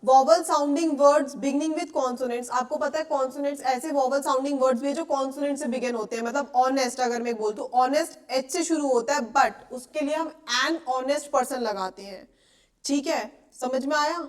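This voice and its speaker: A young woman with an Indian accent gives a classroom grammar lesson in a high, clear voice. She explains patiently and keeps asking the class whether it is clear. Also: a little slow. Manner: explains patiently, asks checking questions often. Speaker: English teacher. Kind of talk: classroom lecture.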